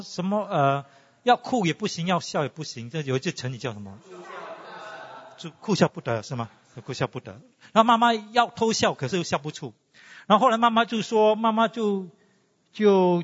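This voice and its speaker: A man teaching a class in a lively, questioning way and mixing English words into his talk. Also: a little high. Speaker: teacher leading a class discussion. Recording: dull sound in a reverberant hall.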